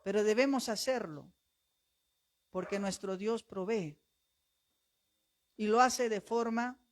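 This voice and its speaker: A male pastor preaching a sermon, telling a story with lively acted-out voices and rising to loud calls near the end. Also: high voice, slow pace. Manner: animated storytelling, acts out family voices.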